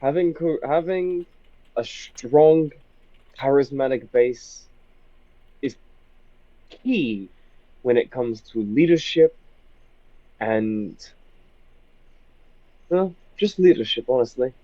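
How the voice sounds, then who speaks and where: A man's voice: medium pitch, lively intonation, slow pace, long pauses, dark tone, no echo. Man, group voice chat on a phone, muffled lo-fi sound, stiff formal officer roleplay. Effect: heard through group voice chat on a phone. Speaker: tabletop game player. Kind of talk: in-character roleplay and casual chat. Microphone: phone microphone. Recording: dull lo-fi voice chat audio, dry.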